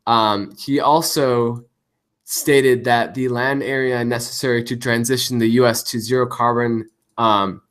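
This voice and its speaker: A man's voice: medium pitch, steady tone, measured pace, fairly bright tone, clean tone. A man talking casually as a podcast guest, his voice coming through a staticky call with a glitchy, half-robotic distortion, rambling with lots of fillers and restarts. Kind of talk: casual chat over a call.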